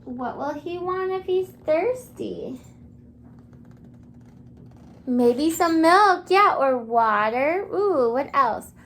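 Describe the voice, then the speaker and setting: A woman teaching kindergarten reads a story interactively, high-pitched and expressive with a fairly bright tone. She talks in simple, encouraging phrases, asking questions and leaving pauses for the children to reply.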